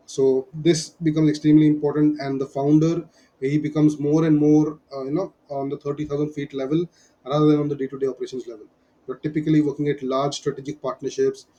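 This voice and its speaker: A man's voice: mid-range voice, mellow, low-quality recording. A man with an Indian accent giving an explanatory lesson as a business advisor, emphatic and prone to repeating his key points. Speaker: business advisor teaching startup fundraising.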